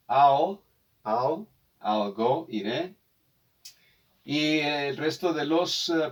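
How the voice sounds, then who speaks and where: A man gives a beginner English lesson at a very slow, careful pace. He repeats each phrase for pronunciation and addresses the listener with polite formality. His voice sits at an ordinary pitch and comes from a little distance from the microphone. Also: dull audio. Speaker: English teacher.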